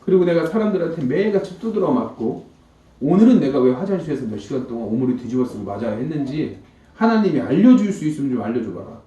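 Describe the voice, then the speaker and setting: Male comedian giving a church testimony, animated storyteller who acts out voices, mellow voice, recorded from afar in a reverberant church hall. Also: medium pitch, quick pace, recorded from a distance. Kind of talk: emotional testimony talk. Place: church hall before a congregation.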